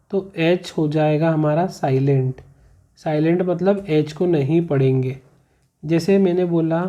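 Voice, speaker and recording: A man's voice: fairly high pitch, warm tone. A male teacher explaining grammar rules in a classroom lesson, repeating each rule and asking the class questions as he goes. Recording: muffled, slightly lo-fi.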